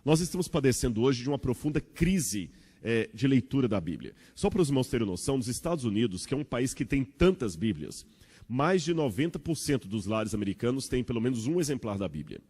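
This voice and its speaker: Man, pastor, sermon, rhetorical questions, mellow voice, long church reverb. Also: mid-range voice, a little fast, breathy edge. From Brazil. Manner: rhetorical, animated storyteller.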